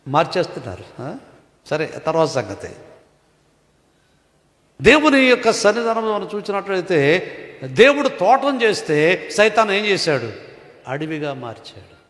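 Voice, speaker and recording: A man preaching a sermon as pastor, asking the congregation rhetorical questions and swinging between loud and hushed delivery. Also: sits high. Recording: echoey hall.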